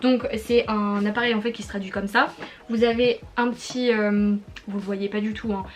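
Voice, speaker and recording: A woman's voice: medium pitch, fairly even intonation, normal speed, slight background noise. A young woman, chatting casually in a product review vlog, rambling with lots of fillers and restarts. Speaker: YouTuber.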